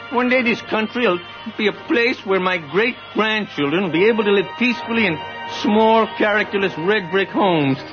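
A bossy Western gang leader acted by a man in a radio comedy sketch. His voice sits high for a man and is grandly melodramatic. Music plays clearly behind the slightly dull recording. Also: natural voice. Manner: commanding, melodramatic.

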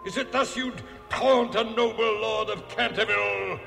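An actor playing a centuries-old noble English ghost who declaims in a booming, archaic, melodramatic way. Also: male voice, fairly even intonation, unhurried, vocal fry, long reverb tail, music in the background, full character voice. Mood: furious.

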